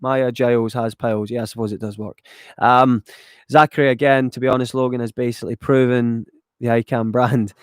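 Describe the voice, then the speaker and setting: A man's voice: medium pitch, steady tone, a little fast, smooth, no echo, studio quality. A Scottish man from near Glasgow reading viewer questions aloud and answering them in a loose, rambling way, with lots of ums and casual swearing. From Scotland, west of Glasgow. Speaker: YouTuber answering viewer chat.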